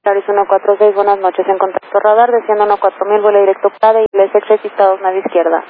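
A man working as an approach controller, giving quick, curt commands over a crackly two-way radio. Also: sits high, level tone. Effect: crackly two-way radio transmission. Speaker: air traffic approach controller. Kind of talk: clipped radio phraseology. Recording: narrowband radio channel with faint hiss.

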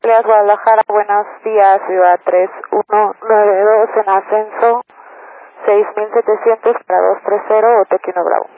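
A man's voice: high-pitched, flat delivery, moderate pace, dry recording. A man, an airline pilot, speaking over a cockpit headset radio to air traffic control in clipped, routine readbacks. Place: aircraft cockpit. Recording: tinny narrowband radio transmission.

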